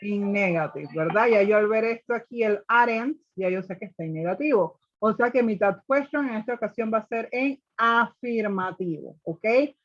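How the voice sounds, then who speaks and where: A woman's voice: medium pitch, expressive, normal speed, few pauses, lo-fi sound. A woman teaching an online English grammar class, explaining step by step and checking in with students. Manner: patient, step by step, often checking with "ok?". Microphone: video call.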